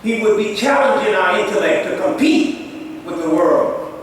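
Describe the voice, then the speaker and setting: A man's voice: high voice, expressive, unhurried. A man giving an emphatic Friday sermon as imam, speaking directly to the congregation in a mosque. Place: mosque prayer hall. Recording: echoey far-off hall recording, faint noise.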